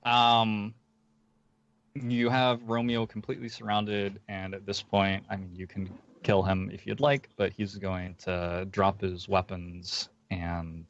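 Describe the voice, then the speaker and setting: A man narrating as game master of a tabletop game, talking with many fillers and slowing down for descriptions. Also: sits low, fairly bright tone, dull audio, a little hiss or hum. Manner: hesitant, filler-heavy narration with slowed descriptive passages.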